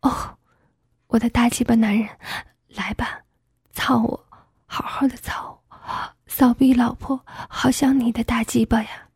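An eager wife breathes her lines in a hushed, husky whispered role-play, as a woman acts her out. She repeats herself with urgency, sitting a little high in pitch, and the sound is close and dry. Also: fairly even intonation, unhurried, no echo, full character voice. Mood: breathless.

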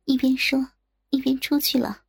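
Brief: high, husky female narrator for an erotic audio story, warm and creaky, faint music behind. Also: steady tone. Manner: slow, soft, intimate storytelling.

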